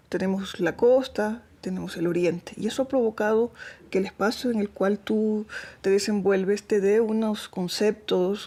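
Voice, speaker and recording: A woman with an Ecuadorian Spanish accent, speaking in a thoughtful, measured way in a documentary interview. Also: mid-range voice, dark tone.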